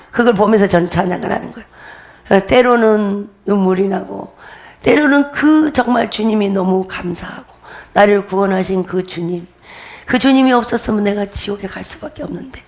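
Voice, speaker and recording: Gravelly-voiced woman pastor preaching testimony. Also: medium pitch, animated, a little fast, darkish tone. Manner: emphatic, repetitive, laughs while preaching. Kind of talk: testimony sermon.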